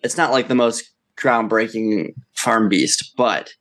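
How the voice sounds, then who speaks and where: A man's voice: fairly low pitch, slow, fairly bright tone. A young man co-hosting a podcast, talking in a rambling, easygoing way and laughing often. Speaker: podcast co-host. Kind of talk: casual chat.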